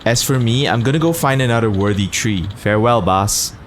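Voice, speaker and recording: A man's voice: fairly low pitch, brisk, slight background noise, natural voice. A man voicing a solemn, respectful sumo wrestler as he reads video game dialogue aloud.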